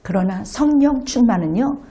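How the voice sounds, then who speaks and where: A woman pastor delivers a lively sermon to her congregation in a church. Her voice sits somewhat high, and she slips into acted children's voices to make her points. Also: normal speed. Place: church sanctuary.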